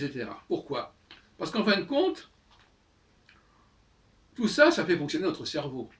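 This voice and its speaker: Older man, lively rising and falling voice, some distance from the mic, musing monologue host. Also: a little high. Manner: musing, with frequent hesitations and repeated words. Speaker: host of a talk channel. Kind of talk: casual monologue.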